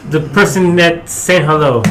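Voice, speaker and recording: Guy playing a tabletop game, kinda high voice, unsure n stammery, noisy background. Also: normal speed, fairly bright tone. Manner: tentative, stammering. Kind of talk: casual game chat. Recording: noisy room with clicks.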